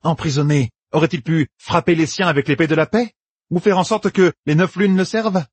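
A composed young woman prisoner, played by a male narrator, pressing her questions in a lifted, husky voice. Her tone stays cool and cutting. The recording is dry and close. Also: on the high side, a little fast, no echo, voice pushed up. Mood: defiant. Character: calm defiant young woman captive, sharp-tongued.

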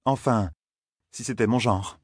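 A man's voice: medium pitch, measured pace, breathy edge, no echo, studio quality. A man voicing a cool, condescending woman ruler. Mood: mocking. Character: stern, powerful older woman leader of a sorcerous order.

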